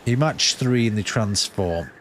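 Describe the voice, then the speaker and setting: A man's voice: lowish voice, a little slow, slight background noise. A man with a Scottish accent doing casual gameplay commentary, sweary and thinking aloud as he plays. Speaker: game streamer.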